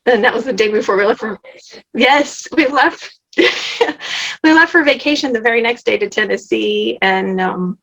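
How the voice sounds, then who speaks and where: A woman's voice: on the high side, normal speed, fairly bright tone, poor audio. A woman guest in a casual interview, talking effusively and enthusiastically about her work. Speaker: interview guest, channel creator.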